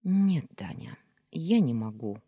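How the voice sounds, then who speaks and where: An audiobook reader voicing a troubled young woman who speaks quietly and sadly. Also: medium pitch, sing-song, takes it slowly, husky, dry recording, heavily acted. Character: troubled young woman, first-person heroine. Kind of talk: audiobook character reading.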